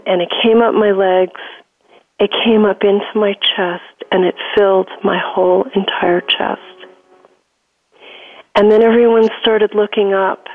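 A woman guest slowly recounting a spiritual experience, telling her story with deliberate, repeated phrases. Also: medium pitch, no room sound. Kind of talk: emotional spiritual testimony. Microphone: telephone. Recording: dry phone-line audio.

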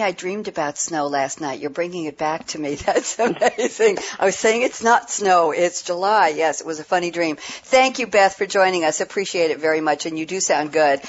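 Upbeat lady radio host, lowish voice, chatty, kinda muffled sound. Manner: chatty and upbeat, reads guest bios. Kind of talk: hosting a call-in panel show. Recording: dull lo-fi sound.

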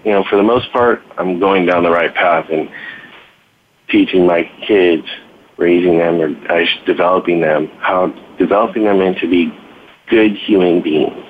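A man's voice: deep voice, steady tone, normal speed. A middle-aged man, a father and podcast guest, telling stories earnestly in a casual chat, with lots of "you know". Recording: tinny phone-line sound with faint noise.

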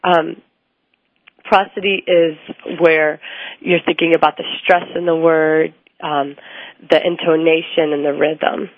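A female speech-language pathologist, appearing as a guest, answers interview questions about her methods in a very low, level voice that barely rises or falls. Her pace is measured, and she works through her points with frequent ums and restarts. The line sounds tinny and phone-like, completely dry with no room echo.

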